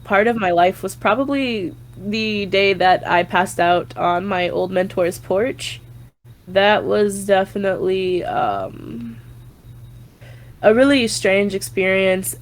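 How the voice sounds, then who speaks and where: A young woman, a guest psychic, talking casually over a remote call in a loose, rambling way, full of fillers and the odd swear word. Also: mid-range voice.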